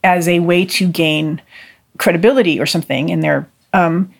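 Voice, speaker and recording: Fast-talking, casual podcast co-host. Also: medium pitch, fairly even intonation, gravelly. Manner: talks fast, swears casually, many restarts. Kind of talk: casual discussion.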